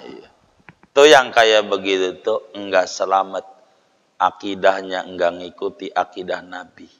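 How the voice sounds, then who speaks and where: A man's voice: mid-range voice, fairly bright tone. A man giving an informal religious lecture. He speaks plainly and acts out quoted people in a raised voice. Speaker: preacher. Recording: long hall reverb.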